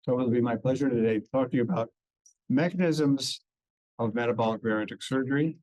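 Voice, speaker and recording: Man at mid pitch, conference lecturer, technical but relaxed, dry close sound. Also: fairly quick, no room sound, low-quality recording. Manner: dense technical explaining, relaxed asides. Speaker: conference speaker. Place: conference hall.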